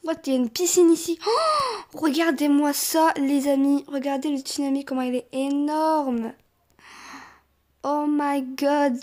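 A young woman narrating a video game as she plays, animated, often squealing and laughing. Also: high voice, measured pace. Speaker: gaming YouTuber. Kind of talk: excited let's-play commentary.

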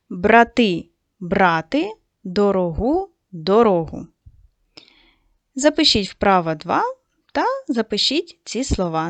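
A woman teacher giving a patient, slow second-grade lesson and stressing each word for young children. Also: medium pitch, dry recording. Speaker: primary school teacher.

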